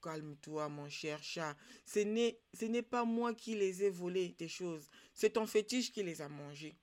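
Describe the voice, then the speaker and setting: A woman's voice: on the low side, a little slow, a little mellow, close to an everyday voice. A woman voicing a greedy, cowardly male dog in a folktale, talking in a pleading, evasive way. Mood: defensive.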